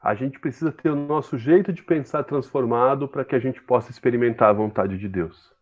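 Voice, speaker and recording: Calm man teaching, lo-fi. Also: mid-range voice, a little fast. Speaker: Bible school teacher. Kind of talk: teaching a Bible class.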